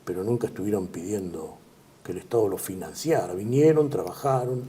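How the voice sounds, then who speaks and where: Speaking as an interview guest, an older Argentine man offers measured political commentary in a lowish, mellow, husky voice. He often lets phrases trail off and uses "este" to fill pauses.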